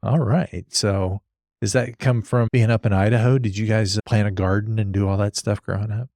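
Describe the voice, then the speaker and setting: Low-voiced man hosting a casual podcast. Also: fairly even intonation, moderate pace, a little mellow, no echo, clean studio sound. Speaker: podcast host, landscape architect. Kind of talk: casual conversational explaining.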